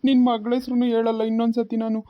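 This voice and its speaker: A woman's voice: fairly high pitch, flat delivery, very fast, close to an everyday voice. A woman voicing a young village man who begs and pleads to be let go, in a cartoon. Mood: pleading. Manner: pleading, whining. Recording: dull lo-fi sound.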